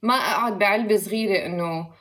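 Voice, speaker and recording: Fast-talking Lebanese woman, animated. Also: mid-range voice. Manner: animated, mixes in English phrases. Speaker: actress and guest. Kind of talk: casual interview talk.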